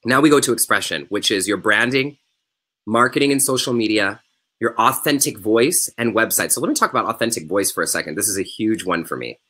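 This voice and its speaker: A man hosting a live webinar as a yoga business coach. He teaches and pitches in a casual, emphatic way and repeats his key phrases. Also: animated, fairly quick, sharp tone, husky. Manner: casual and unpolished by choice.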